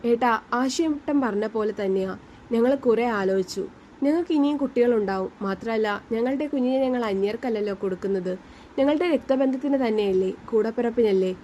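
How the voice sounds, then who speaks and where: A woman's voice: a little high, normal speed, dark tone, lo-fi sound, a little hiss or hum, lightly acted. A woman voicing an earnest young mother who speaks from the heart to her older sister.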